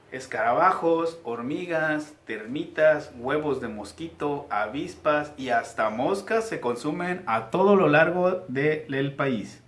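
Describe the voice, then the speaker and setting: A male teacher, reading aloud to young pupils in a patient, guiding way. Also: on the high side. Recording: echoey room.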